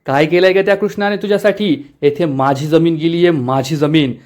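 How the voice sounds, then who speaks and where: A man's voice: a little high, a little fast, a little mellow, natural voice. A man voicing a spiteful, harsh middle-aged mother. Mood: harsh threatening. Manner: harsh, gloating.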